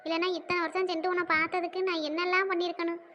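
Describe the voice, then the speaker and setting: A scolding, protective old village mother in a cartoon, voiced by a woman. Her southern Tamil village speech comes out very high and commanding. A faint hiss sits behind it. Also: level tone, rapid-fire, sharp tone. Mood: soothing. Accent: southern Tamil village dialect. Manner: bossy, scolding, then soothing. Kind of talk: cartoon dialogue.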